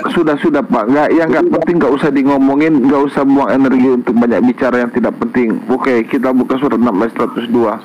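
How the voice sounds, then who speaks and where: A man's voice: medium pitch, steady tone. Insistent man debating, lo-fi sound. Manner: insistent, interrupting, reads verses slowly and emphatically. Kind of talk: heated online debate.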